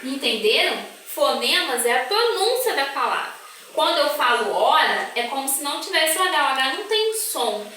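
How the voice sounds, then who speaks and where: A woman's voice: sits high, very animated, pushed and bright. A Brazilian woman teacher explaining a lesson patiently to young children, drawing out her words and checking in often. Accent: Brazilian Portuguese. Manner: patient, drawn-out syllables, checks in with "tá?". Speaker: primary school teacher. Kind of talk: slow, careful classroom explanation. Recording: echoey room, far from the mic, faint background noise.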